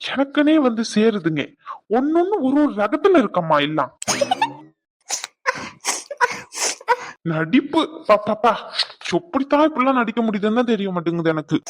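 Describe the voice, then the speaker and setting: A man's voice: high-pitched, big pitch swings, fairly quick, no echo. A man voicing a hot-tempered young cousin in a cartoon skit, scolding and sarcastic in a theatrical way.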